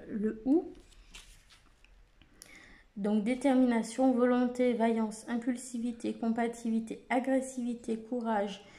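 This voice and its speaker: A woman's voice: on the high side, warm tone. A woman casually presenting an oracle card deck, reading out lists of keywords with frequent hesitations and fillers.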